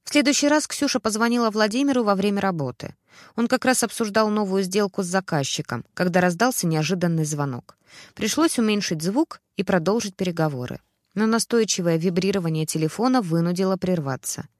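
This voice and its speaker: A woman reads a family drama aloud in a steady, expressive storytelling voice. Her pitch sits in the middle range. The recording is close and dry, with no room echo. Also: a little fast. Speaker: narrator. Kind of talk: audiobook story narration.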